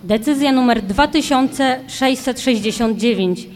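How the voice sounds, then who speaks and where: A woman's voice: a little high, measured pace, big-room sound, faint music behind. A woman formally reading out an official decision as a ceremony announcer.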